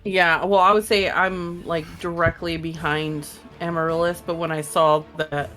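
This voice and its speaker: A woman's voice: lowish voice, level tone, unhurried, a bit bright, soft background music. A woman taking part in a tabletop fantasy game, casually describing her character's position and actions.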